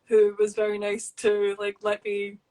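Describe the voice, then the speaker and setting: A woman's voice: mid-range voice, completely flat delivery, a little slow, dark tone, low-quality recording. A woman guesting on a podcast, chatting casually and poking fun at herself. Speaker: podcast guest and host of another show. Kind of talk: casual chat.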